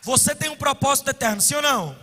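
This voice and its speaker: Brazilian guy preaching, sharp bright voice, goes loud then real quiet, big hall echo. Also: very high voice, expressive, fast talker, soft background music. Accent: Brazilian Portuguese. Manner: passionate, swings between loud declarations and hushed asides. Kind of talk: conference sermon. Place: conference hall. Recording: echoey hall reverb.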